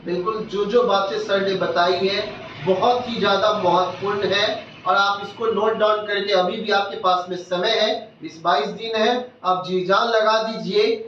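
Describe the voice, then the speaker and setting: A man's voice: sits high, fairly even intonation, a little slow, a bit bright, a little hiss or hum. A man hosting a local news interview, speaking in an encouraging, formal presenter tone. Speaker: interview host. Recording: echoey, distant, dull room sound.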